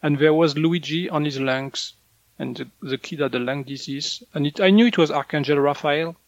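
A man, in English, recounts strange experiences as an interview guest. His voice sits a little high, and he slips into playful acted quotes with laughter. The recording is dry and slightly muffled. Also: normal speed, no room sound. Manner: animated storytelling, acts out quotes with laughter. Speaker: medical intuitive guest. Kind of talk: casual interview chat.

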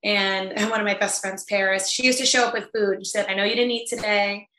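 A woman's voice: mid-range voice, steady tone, a little fast, pushed and bright. A woman chatting as an interview guest over a video call, talking in a laid-back way and laughing often. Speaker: guest, event planner. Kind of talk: casual interview chat. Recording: echoey room.

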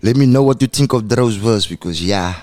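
A man's voice: lowish voice, brisk, darkish tone. A man with a Cape Town South African accent talking casual, boastful hype in street slang mixed with Afrikaans phrases, like a rapper guest. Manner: boastful, swaggering.

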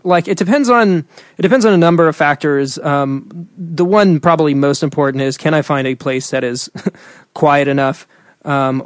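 A man co-hosting a casual chat, explaining singing and warm-ups in a rambling way with many fillers and restarts. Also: fairly high pitch, no echo, studio quality. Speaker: singer and podcast co-host.

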